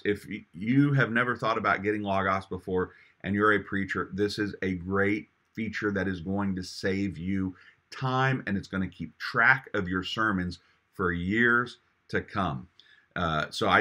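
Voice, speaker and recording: A middle-aged pastor records a screen walkthrough, his voice fairly low yet bright and forward. He talks with eager enthusiasm, pausing on ums and restarting phrases as he clicks along. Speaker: pastor giving a software tutorial.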